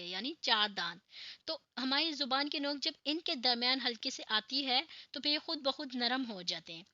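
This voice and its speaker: A woman teaching the Arabic letters, drawing each sound out slowly and then explaining in quick asides. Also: sits high, bright, forceful tone, no echo, lo-fi sound. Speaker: Quran reading teacher. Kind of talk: slow drilled recitation lesson.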